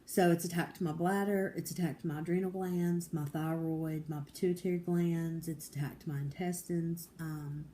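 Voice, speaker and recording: Woman in her 40s, low mellow voice, candid home vlogger. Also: steady tone, normal speed, few pauses, slight background noise. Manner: candid, rambling, determined, with many fillers. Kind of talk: casual personal vlog.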